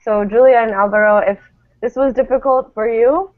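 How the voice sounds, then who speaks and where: Teaching English pronunciation in a live online lesson, a woman drills word pairs, encouraging her listener and enunciating each model word carefully. Her voice sits on the high side, with fairly even intonation and a moderate pace. The thin call audio gives it phone-quality sound.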